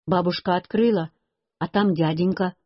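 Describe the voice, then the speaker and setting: A woman's voice: lowish voice, fairly even intonation, normal speed, no echo. A woman reading a children's story aloud in plain storytelling, told in a little boy's first person. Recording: dull lo-fi recording.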